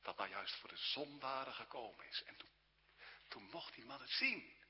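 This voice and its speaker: A man preaching a sermon earnestly, shifting between hushed whispers and raised, exclaiming passages. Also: mid-range voice, lively intonation, moderate pace, a little hiss or hum. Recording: dull sound with long hall reverb.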